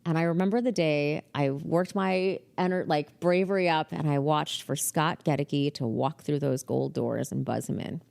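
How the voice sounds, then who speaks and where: A woman hosting a podcast, telling a story in a casual, chatty monologue full of "like" fillers and animated quoting. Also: low-pitched, normal speed, creaky, few pauses. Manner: chatty, heavy use of "like" fillers; animated, quotes people in character. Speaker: podcast host.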